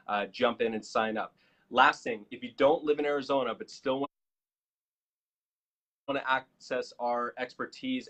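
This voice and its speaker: An American man hosts a live online show, delivering upbeat promotional plugs peppered with fillers. His voice is mid-range with a fairly bright tone.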